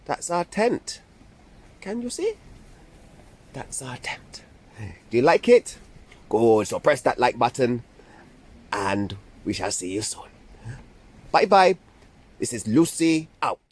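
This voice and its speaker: A man voicing a chatty, excitable girl doll in a slow drawl, savouring and repeating phrases as the doll gives a playful tour for a children's video. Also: mid-range voice, slightly rough, exaggerated voice. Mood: leisurely, pleased.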